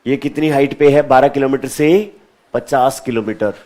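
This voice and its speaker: A man's voice: mid-range voice, fairly even intonation, moderate pace, darkish tone. A male teacher giving a classroom lecture, asking questions and answering them himself, repeating key terms.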